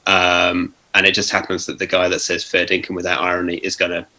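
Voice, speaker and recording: A man speaking on an online panel over a video call, thoughtful and halting, with many pauses and restarts. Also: deep voice, monotone, bright, forceful tone.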